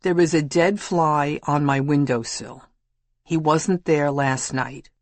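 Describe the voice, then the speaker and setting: A woman voicing a shrill, paranoid caller with a Queens accent who insists and scolds. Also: slow, no echo. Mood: indignant. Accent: New York, Queens.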